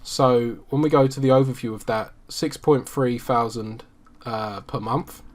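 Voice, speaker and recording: A man's voice: medium pitch, unhurried. Casual man explaining on screen. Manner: relaxed, conversational, frequent ums. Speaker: SEO marketing instructor. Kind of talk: screen-share tutorial.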